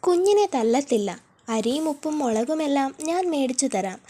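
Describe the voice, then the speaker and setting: A woman reading the part of a proud, kind rickshaw puller who gently soothes a child, in an audiobook. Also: sits high, lively intonation, normal speed. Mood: reassuring.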